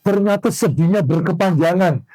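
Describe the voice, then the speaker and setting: A male preacher, his voice sitting a little high for a man and recorded dry and close. He delivers a lively sermon, swinging his pitch upward to act out everyday examples and quizzing his audience along the way. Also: moderate pace, no echo, low-quality recording. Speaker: Islamic preacher. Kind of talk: sermon to a women's study group.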